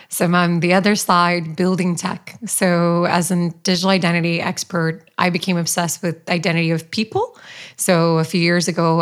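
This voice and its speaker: Woman, lowish voice, eager chatty podcast co-host. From Brazil. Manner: enthusiastic, chatty, fillers like "you know". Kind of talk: casual podcast chat.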